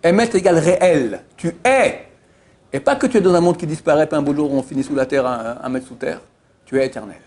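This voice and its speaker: A brisk man with a fairly high pitch gives an informal Torah class. Anecdotes drive his teaching, delivered as an animated storyteller with emphatic repetitions. He hesitates often, leaning on "euh."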